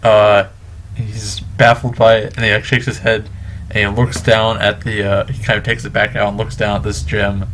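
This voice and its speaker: A man's voice: fairly low pitch, a bit bright, slight background noise. Hesitant young man playing a rogue. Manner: hesitant, stammering restarts. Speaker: player. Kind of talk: playing a tabletop game.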